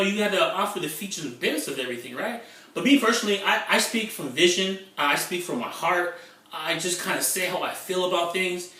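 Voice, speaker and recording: A middle-aged man talking in a casual vlog about online marketing, excitable and rambling, often repeating himself. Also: sits high, distant mic. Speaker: internet marketing vlogger. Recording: echoey room, away from the mic.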